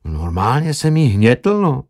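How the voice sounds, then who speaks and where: A man's voice: medium pitch, very animated, a little mellow. A man voicing a brash, crude young male doctor who talks in a cheeky, boastful way.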